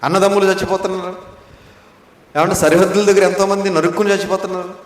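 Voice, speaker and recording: Man, pastor, Telugu accent, high-pitched voice, sermon full of rhetorical questions, echoey hall with long reverb. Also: level tone, very fast.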